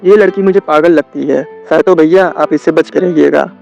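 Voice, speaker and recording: A man's voice: fairly high pitch, steady tone, normal speed, gravelly, darkish tone. A man voicing a clingy, whiny young girl. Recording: dull lo-fi with faint music.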